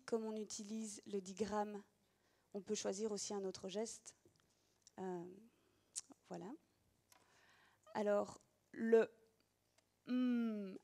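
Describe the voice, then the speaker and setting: A woman's voice: medium pitch, level tone, measured pace, pauses often, dark tone. A woman teacher giving an explanatory demonstration of reading gestures, talking patiently with frequent hesitations.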